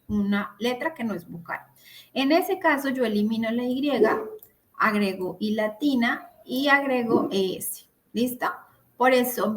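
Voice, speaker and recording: A woman teacher with a fairly high voice leads an online grammar lesson. She speaks slowly and deliberately, laying out each step and checking in often with her students. The sound is a plain computer mic on a video call. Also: fairly bright tone. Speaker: English teacher.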